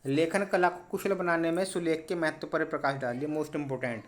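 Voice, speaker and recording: A man teaching an exam revision lesson, moving briskly through questions and often stressing what is important. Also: on the high side, fairly even intonation. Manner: brisk, repeats "important" and "ठीक है".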